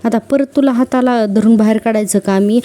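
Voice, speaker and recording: An indignant young woman scolds an intruder, voiced by a woman. The speech is fast, and the tone is dark and soft. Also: on the high side, natural voice. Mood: scolding.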